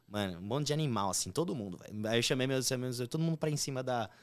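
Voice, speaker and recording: A man chatting casually on a podcast, bragging in relaxed slang. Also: medium pitch, very fast, no room sound. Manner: laid-back, bragging with slang like "velho" and "mano". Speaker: podcast co-host. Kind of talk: casual chat.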